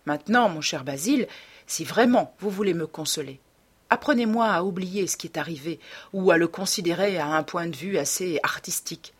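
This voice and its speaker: A woman reading the part of a cynical, self-assured young man in an audiobook, in a smooth, detached way. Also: lowish voice, normal speed. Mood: coolly musing. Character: cold, cynical young male dandy.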